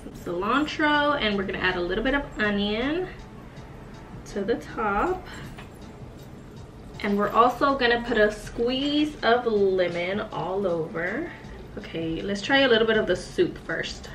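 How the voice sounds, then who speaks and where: A woman's voice: mid-range voice, expressive, unhurried, fairly bright tone, echoey room, far from the mic, a little hiss or hum, low-quality recording. A young woman chatting casually through a cooking vlog, tasting food as she talks. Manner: chatty, eating while talking. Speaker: vlogger.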